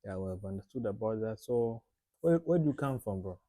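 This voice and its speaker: A man from Malawi hosts a relaxed interview, calling his guest "bro" and rewording his questions until they land. His voice sits low and dark, and the sound is dry and close. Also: fairly quick, dry recording. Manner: friendly, calls guest "bro", repeats questions. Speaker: host, interviewer. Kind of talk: casual interview.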